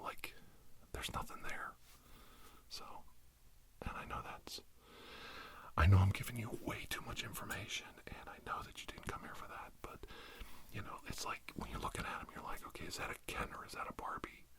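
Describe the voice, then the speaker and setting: This man rambles through an ASMR story in the role of a self-proclaimed healing doctor, meandering and hesitant yet deadpan and earnest. His voice sits low and moves briskly, broken by long pauses.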